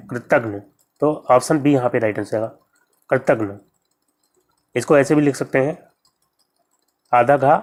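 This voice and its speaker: A man coaching students through exam questions in a steady, methodical way. He pauses to spell words out and says each correct answer more than once. His pitch sits in an ordinary middle range. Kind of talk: exam-prep grammar lesson.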